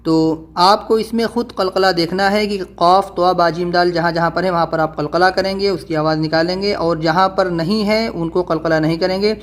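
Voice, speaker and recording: High-voiced man teaching Quran reading. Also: fairly even intonation. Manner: quick explanations, slow drawn-out syllable-by-syllable spelling. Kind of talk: recorded Quran reading lesson.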